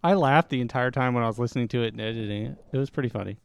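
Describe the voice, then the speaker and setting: A man, a teacher who edits the podcast, talking softly and hesitantly in a casual chat. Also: mid-range voice, racing, vocal fry, clean tone, dry recording. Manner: soft-spoken, hesitant.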